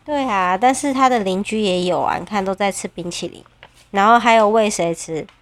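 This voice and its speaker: A woman reading a storybook aloud to a child, lively and animated, with sound effects. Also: medium pitch, normal speed.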